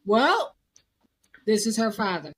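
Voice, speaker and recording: A woman hosting a podcast, telling a story in a casual, animated way and acting out the quotes. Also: mid-range voice, takes it slowly, husky. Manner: animated, acts out quotes, laughs often. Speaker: podcast host.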